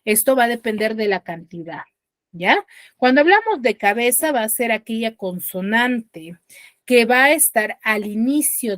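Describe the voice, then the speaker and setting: A woman's voice: fairly high pitch, no echo. A woman teaching an online school class with a Peruvian Spanish accent, patiently explaining and checking that students follow. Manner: patient, checks understanding with tag questions, slows on key terms. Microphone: dry close mic, online class.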